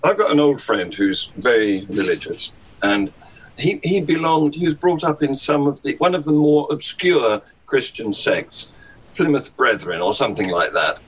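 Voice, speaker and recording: Husky man, lively wry musings. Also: mid-range voice, normal speed, low-quality recording. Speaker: guest. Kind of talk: casual discussion.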